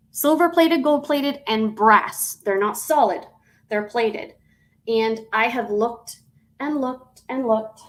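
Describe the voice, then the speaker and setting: Woman, casual live-stream seller, slightly high pitch, rambling, fillers and self-corrections. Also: low-quality recording.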